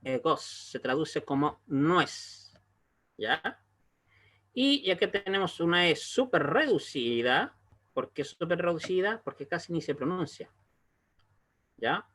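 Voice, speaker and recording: A man teaching an online language lesson, explaining slowly and patiently and often pausing to check that students follow. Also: a little high, very animated, a bit bright. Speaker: Hebrew teacher.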